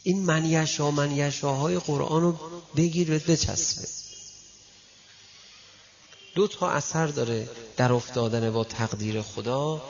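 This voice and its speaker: A male preacher giving a sermon, telling stories and speaking directly to his listeners, with a gravelly voice. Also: fairly high pitch, pauses often. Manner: storytelling, addresses listeners directly, animated quoting. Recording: dull lo-fi recording.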